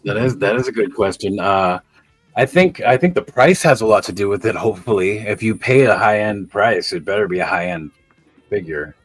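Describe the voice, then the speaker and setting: Deep husky man in his fifties. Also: normal speed. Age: 50s. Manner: candid, chatty, swears freely. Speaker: guest collector. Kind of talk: casual chat on a charity livestream.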